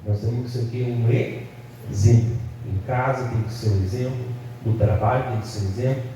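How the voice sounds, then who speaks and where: Pastor man preaching, keeps asking amen? and right?, booming echo, faint room noise behind. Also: fairly quick, warm tone. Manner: asks the congregation for "amém?" and "né?" often. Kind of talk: sermon. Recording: very echoey hall, distant mic, faint room noise.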